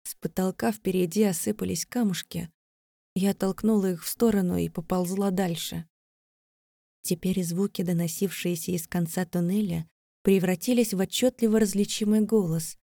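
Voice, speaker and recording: A woman's voice: lowish voice, fairly even intonation, normal speed, gravelly, mellow, no room sound. A woman narrating a first-person fantasy audiobook in a tense, breathless, dramatic way.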